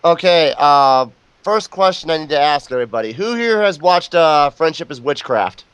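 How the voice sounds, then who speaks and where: A man's voice: a little high, expressive, moderate pace, a bit bright, smooth, no echo. A man hosting a casual online show over a voice call, a little sick and coughing, with playful, theatrical announcing. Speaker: host.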